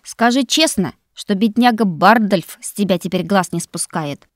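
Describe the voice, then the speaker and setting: A woman performs an audiobook character, a stern, grumpy female faculty keeper, with a scolding, sharp and sceptical delivery full of scoffing. Her natural mid-range voice moves at a moderate pace in a dry, studio-quality recording.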